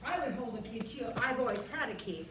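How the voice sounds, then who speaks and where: A woman's voice: fairly high pitch, expressive, quick pace. A woman speaking informally at a club meeting in a direct, insistent manner. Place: meeting room, far from the mic. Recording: very echoey room, distant mic, clear noise.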